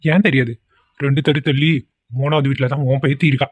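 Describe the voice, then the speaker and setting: A man's voice: mid-range voice, fairly even intonation, brisk, dry recording, lightly acted. A man voicing an arrogant, threatening middle-aged son who quarrels with his mother in a cartoon. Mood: angry. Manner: harsh, threatening. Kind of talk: cartoon voice acting.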